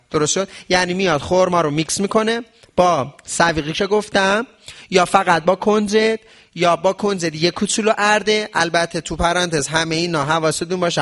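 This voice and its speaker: A man giving a traditional medicine lesson on fasting, asking questions in the listener's voice and answering them himself. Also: sits high, fairly bright tone. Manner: asks and answers his own questions. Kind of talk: religious health lesson.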